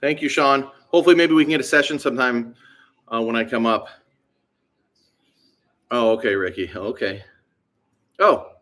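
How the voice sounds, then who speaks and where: A man's voice: mid-range voice, normal speed, pauses often, a bit bright. Laid-back slangy man chatting on a livestream. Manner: laid-back, rambling, slangy with many fillers. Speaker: BMX shop owner hosting a livestream. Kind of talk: casual livestream chat, answering viewers.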